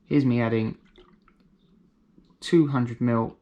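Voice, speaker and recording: A man talks through a casual product review. His delivery is chatty and conversational, and he thinks aloud as he explains, at an ordinary middle pitch. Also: fairly even intonation, slow pace, dark tone, lo-fi sound. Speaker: car care reviewer.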